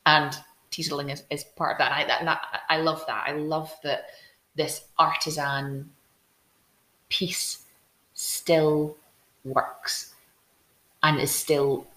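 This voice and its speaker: A woman's voice: low voice, little pitch movement, slow pace, long pauses, fairly bright tone, reverberant. A woman from Glasgow with a Scottish accent, hosting a casual chat and telling stories with enthusiasm, often restarting her sentences. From Scotland. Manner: enthusiastic, storytelling, with frequent restarts.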